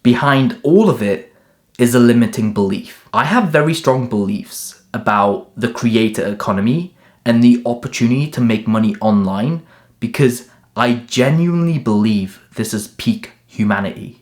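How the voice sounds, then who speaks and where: A man's voice: medium pitch, a little mellow. A young man, born in Turkey and raised in England, delivering a direct, motivational self-improvement monologue in short punchy lists. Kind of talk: scripted self-help monologue.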